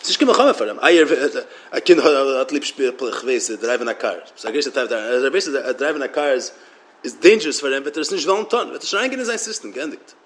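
A man giving a Torah lecture as a religious teacher, halting and often repeating words as he restarts his sentences. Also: mid-range voice, animated.

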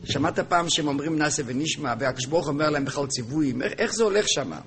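During a religious text-study lesson, a man reads passages aloud in a chanting rhythm before explaining them through rhetorical questions. His voice is a little high and fairly bright, and he often halts and repeats words.

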